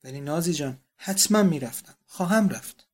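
A man's voice: a little high, expressive. A man reading the part of an anguished, doting elderly father who breaks into vehement, pleading outbursts. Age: older.

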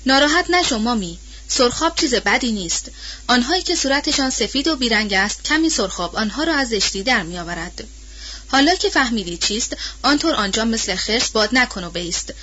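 Woman reading as a spoiled young lady bossing people around, cool and formal, higher voice, dull sound. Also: expressive, sharp tone, husky, heavily acted. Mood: commanding. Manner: cool, bookish commands. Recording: dull lo-fi recording.

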